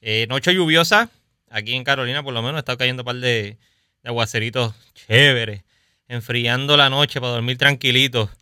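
Puerto rican guy hosting a beer livestream, super bright clear voice, dry close sound. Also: mid-range voice, moderate pace, no echo. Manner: lively, greets viewers often. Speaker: podcast host. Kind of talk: casual livestream chat. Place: home at night.

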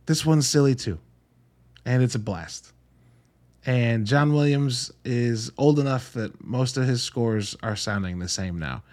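This man's voice is medium in pitch and slightly mellow, and he speaks at a measured pace. Hosting a solo film-review podcast, he's casual, enthusiastic, and emphatic, mixing informal language with wry asides.

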